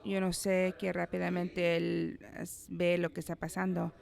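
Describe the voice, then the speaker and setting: A man delivers a sermon at an easy, unhurried pace, his voice carrying a gravelly edge. He talks to the congregation conversationally, tossing in playful asides. He acts out the voices of the people in the story. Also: sits high, completely flat delivery. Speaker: pastor. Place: church service.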